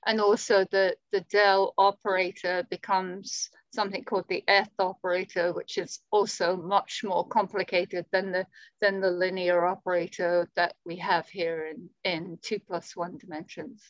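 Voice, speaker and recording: A woman's voice: fairly low pitch, flat delivery, normal speed, no echo. A woman answering questions after her talk on a video call, hesitant with many fillers. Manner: hesitant, many "um" and repeated words. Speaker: conference speaker answering questions. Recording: dull, muffled video call audio.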